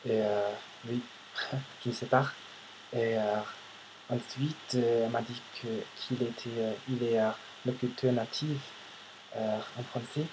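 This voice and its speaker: An American man speaks with an American accent, pausing often to search for words in a halting, unscripted monologue. His voice stays flat and level throughout, with little rise or fall. The home computer-mic recording has clear background noise under it. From United States. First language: English. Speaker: language learner vlogger. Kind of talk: casual spoken practice monologue. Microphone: computer microphone. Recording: noisy low-quality home recording.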